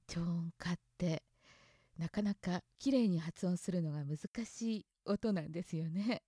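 A woman's voice: on the low side, a little slow, dark tone, no echo, studio quality. A young woman explaining Japanese pronunciation in a casual way, stretching out vowels to demonstrate them. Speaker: language explainer.

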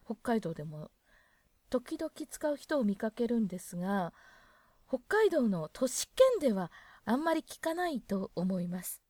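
A woman gives a relaxed spoken lesson in a higher, very lively voice that rises and falls a lot. She muses aloud between points and acts out little example lines. The sound is dry and close, with no room around it. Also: unhurried, dry recording. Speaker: dialect lesson presenter.

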